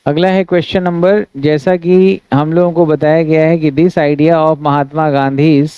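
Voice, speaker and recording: A man teaching an exam-prep grammar class in a mellow yet slightly high voice. He reads each English example slowly before explaining it. The recording is dry and a little dull. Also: clear, resonant tone, no room sound. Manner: addresses students as friends, steady instructive delivery.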